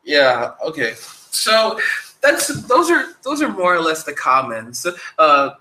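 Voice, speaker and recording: A man with a very bright, rather high voice hosts a loose podcast chat and reads viewer comments aloud. He jokes crudely and keeps breaking into laughter. The sound carries a roomy echo. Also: very animated, slow, a little hiss or hum. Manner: crude joking, frequent laughter. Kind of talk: casual chat.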